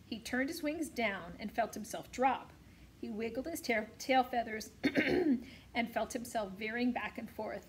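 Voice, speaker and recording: A woman teacher reading a children's novel aloud to her class, expressive, with small slips now and then. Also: a little high, a little hiss or hum. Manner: expressive read-aloud with occasional slips and throat clearing.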